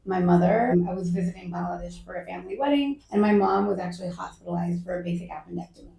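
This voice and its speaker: A woman founder answers interview questions with candid emphasis. Her voice is gravelly and dark. She sits away from the mic, and the room gives a lot of echo. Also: on the low side, quick pace. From United States. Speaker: healthcare company founder. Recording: echoey room, mic at a distance.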